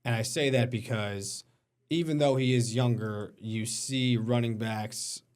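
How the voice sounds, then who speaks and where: A man's voice: medium pitch, steady tone, a little slow, darkish tone, clear, resonant tone. A man co-hosting a casual sports talk show, joking and sarcastic, often laughing as he talks.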